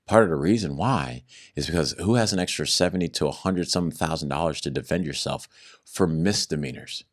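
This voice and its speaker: Deep-voiced man telling his story animatedly. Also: brisk. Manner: animated, acts out quoted exchanges, laughs between points. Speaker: guest recounting his arrest. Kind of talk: conversational interview storytelling.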